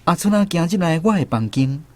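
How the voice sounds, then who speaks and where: In a radio drama, a Taiwanese-accented actor plays a man recalling army life, narrating in a reflective storytelling style. His slightly high, natural voice has lively intonation and a brisk pace, set against a noisy background with music behind the voice.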